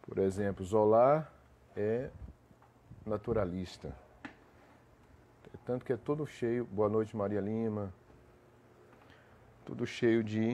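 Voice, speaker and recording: A man's voice: fairly low pitch, warm tone, slight background noise. A man with a cold, sounding congested, hosting a casual live stream, greeting viewers by name as he rambles with restarts.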